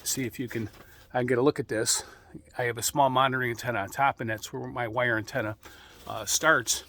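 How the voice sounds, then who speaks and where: Middle-aged American man, halting hobbyist explainer. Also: medium pitch, steady tone, bright, forceful tone, slight background noise. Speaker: amateur radio hobbyist hosting an introductory video. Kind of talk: informal explanatory vlog.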